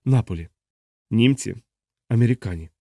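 A male audiobook reader voicing a quick-tempered young Italian woman, insistent and indignant, in a dry recording. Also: on the low side, expressive, warm tone, dry recording. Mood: plain.

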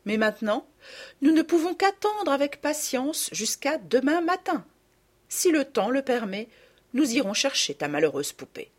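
A woman voicing a gentle but firm mother who speaks in an earnest, admonishing way, in a storybook reading. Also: high voice, very animated, moderate pace, pitched above the performer's own voice. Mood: consoling.

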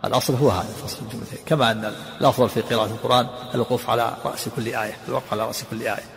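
Man, teacher, gravelly voice, quick lecturing pace, patient explanations, long hall reverb. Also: mid-range voice, fairly even intonation, fairly bright tone. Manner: explains patiently and answers students with brief prompts. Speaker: teacher explaining a religious text. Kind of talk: classroom lecture commentary.

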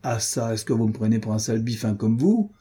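A man's voice: fairly low pitch, lively intonation, a little fast, warm tone, breathy edge. A man voicing a cocky male reservist who taunts an officer. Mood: mocking. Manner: insolent and taunting.

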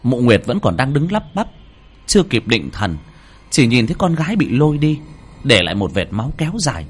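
A man's voice: medium pitch, big pitch swings, fairly quick, breathy edge. A man reading a horror story aloud in a dramatic, swinging delivery, with faint music underneath. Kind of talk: scripted horror narration.

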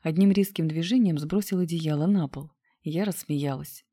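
A woman reads a romance novel aloud in a soft, intimate way. Her voice sits low and mellow, and the recording is close and dry with no room sound. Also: normal speed, dry recording. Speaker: audiobook narrator. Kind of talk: scripted narration of a romance novel.

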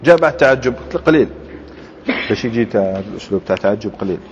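A man's voice: on the low side, animated, very fast, noisy background. Guy teaching grammar, quizzes the class as he goes, long echo like a big hall. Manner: explains step by step, quizzes students, mixes dialect with formal Arabic. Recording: dull lo-fi recording in a large reverberant hall.

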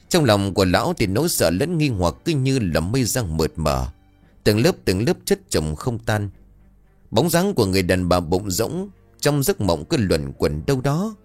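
A man narrating a dark folk tale in an expressive, dramatic storytelling style. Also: fairly low pitch.

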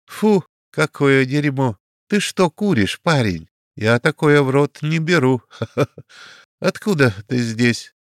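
A man voicing a rude, brash French police commissar who shouts insults at strangers. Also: mid-range voice, big pitch swings, measured pace, no echo, studio quality, pitched above the performer's own voice. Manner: shouting, insolent.

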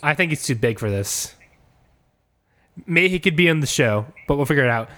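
Riffing on a joke pitch, this comedy podcast host has a slightly high voice that sounds pushed and bright, with lively intonation. He rambles loosely and without hurry, piling up "like" and "you know" in a comic flow.

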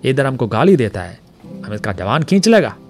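A man voicing a boastful, mocking Pathan man who taunts loudly in broken speech. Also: medium pitch, very animated, moderate pace, soft background music, pitched above the performer's own voice.

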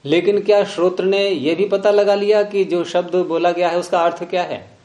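A man's voice: high-pitched, steady tone, normal speed, a little mellow, reverberant. A man teaching philosophy to a class, often prompting students with questions. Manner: questioning, repeatedly prompting with "hmm?". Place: room with students present.

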